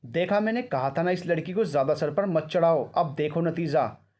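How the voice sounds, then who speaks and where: A man's voice: mid-range voice, normal speed, darkish tone, close to an everyday voice. A man voicing a stern old grandmother who scolds her family indignantly. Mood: scolding.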